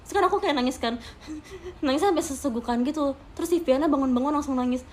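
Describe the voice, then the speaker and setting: A young woman tells stories to her fans on a livestream, in a bright, high voice that keeps breaking into laughter. She talks into a phone from her own room, with emphatic asides to her viewers. A faint hum sits behind her. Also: fast. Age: young adult. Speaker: idol streaming to fans. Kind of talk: casual livestream storytelling.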